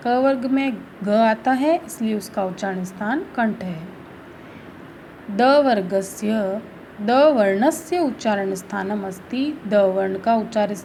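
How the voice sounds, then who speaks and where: A woman teacher explaining a school lesson slowly and carefully, reading each line first and then explaining it. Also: mid-range voice, vocal fry, a little mellow, slight background noise, poor audio. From India. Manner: slow, careful explanation, reads Sanskrit then explains in Hindi.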